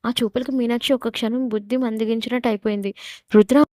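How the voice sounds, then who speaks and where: A woman's voice: on the high side, fast, dry recording. Woman telling a dramatic story. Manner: expressive, steady storytelling. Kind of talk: dramatic audio story reading.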